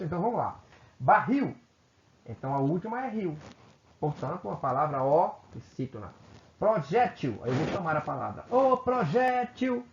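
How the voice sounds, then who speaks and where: A Brazilian man gives a recorded grammar lesson, his pitch rising and falling a lot as he walks through examples. He checks in often and repeats himself when he corrects a slip. The sound is roomy and a bit muffled, with a faint hiss underneath. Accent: Brazilian Portuguese. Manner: explains step by step with frequent check-ins; self-correcting, repeats phrases. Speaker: teacher.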